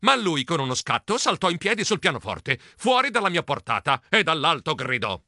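A man reading a children's storybook aloud in a playful, animated way. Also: fairly high pitch, fairly quick, no echo, clean studio sound. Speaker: audiobook narrator.

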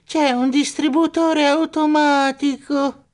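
A timid, dim little male rat assistant played by a woman, meek and whiny, from a storybook audiobook. His voice is high and slow. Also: fairly even intonation, a little mellow. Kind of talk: audiobook character voice.

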